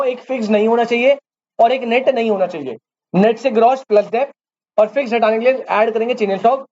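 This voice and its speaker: A man's voice: very high voice, a little mellow. A man teaching commerce to a live class. He keeps quizzing the students and repeats the key terms back to them. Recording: dull lo-fi audio with faint hiss.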